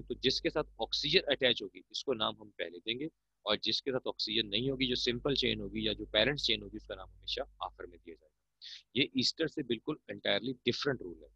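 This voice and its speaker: Gravelly male chemistry teacher, lo-fi. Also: medium pitch, bright, forceful tone, no room sound. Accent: Pakistani Urdu. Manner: patient explaining, calls students "beta". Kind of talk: classroom lecture. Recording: muffled, dull lo-fi recording.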